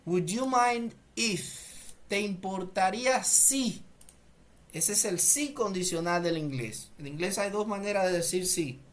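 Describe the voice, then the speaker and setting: A man whose first language is Spanish, teaching an English grammar lesson slowly and deliberately, repeating phrases and often clearing his throat. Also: high voice.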